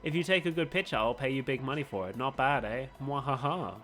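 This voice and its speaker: A man voicing an eccentric occult magazine editor from a video game, with theatrical mock-villain menace and drawn-out evil laughs. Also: medium pitch, a bit bright, faint music behind, lightly acted. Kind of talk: video game dialogue read aloud.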